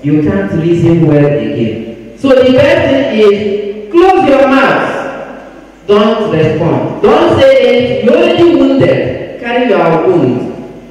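A man's voice: high voice, a little mellow. A man preaching a sermon, teaching with a swooping, sing-song emphasis and repeating his phrases. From Nigeria. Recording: echoey hall, from far off the mic.

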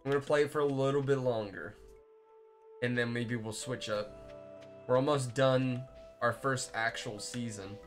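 A man's voice: medium pitch, fairly even intonation, moderate pace, soft background music. A young man live-streaming a game, chatting loosely with viewers, rambling and swearing as he plays. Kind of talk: casual live-stream chat while playing.

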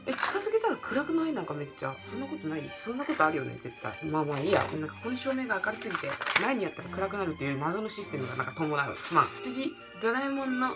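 A young woman with a lilt talks fast and rambles excitably through a casual vlog, her pitch bouncing all over. She sits in a hotel room at night, facing a camera under bright lights, with background music playing under her voice. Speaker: vlogger. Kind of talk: casual solo vlog chat. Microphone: camera in front under bright lights.

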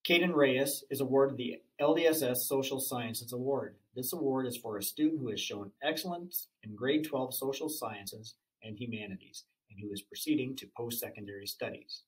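A man with a mid-range voice reads school award announcements in a formal, even way. He moves steadily through names and criteria, now and then tripping on a word. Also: medium pitch, normal speed, hardly any pauses, low-quality recording. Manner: formal, even reading with small stumbles. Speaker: awards presenter.

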